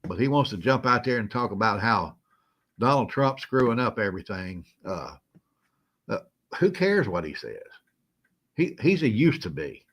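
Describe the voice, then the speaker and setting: A man's voice: on the low side, sing-song, moderate pace, long pauses, fairly bright tone. A man hosting a casual live stream, greeting viewers by name in a folksy, chuckling way while feeling a little unwell. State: feeling unwell, moving slow.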